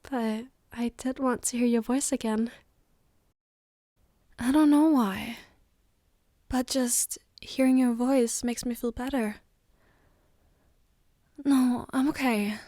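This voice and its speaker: Woman as loving sleepy girlfriend, ASMR role-play, late-night phone call audio drama, tender, intimate, raised pitch, very dry recording. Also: fairly even intonation, slow, long pauses, dark tone, dry recording. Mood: tired, affectionate.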